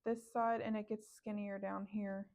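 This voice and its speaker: A woman's voice: mid-range voice, flat delivery, moderate pace, creaky, darkish tone. A woman, chatting to the camera while she sews and muttering her frustration to herself and her viewers. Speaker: sewing vlogger. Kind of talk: casual chat to camera while sewing. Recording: dull lo-fi sound.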